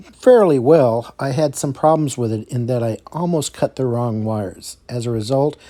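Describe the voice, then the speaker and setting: A man presents a hands-on tutorial in a mellow, relaxed voice. He moves through each step carefully and goes back over the important points. His pitch sits in a middle range for a man. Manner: careful, repetitive explaining. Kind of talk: step-by-step instructional narration.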